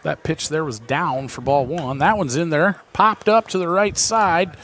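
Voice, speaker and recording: A man with an American Midwest accent calling a local baseball game play-by-play, chatty and reading viewer texts between pitches. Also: measured pace, fairly bright tone, slight background noise. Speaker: play-by-play announcer.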